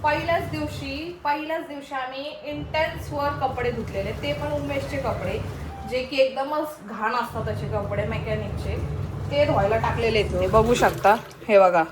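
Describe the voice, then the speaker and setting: A woman's voice: high-pitched, normal speed. A young woman chatting casually in a home vlog, repeating herself and turning aside to talk to her baby. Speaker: family vlogger. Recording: loud background noise.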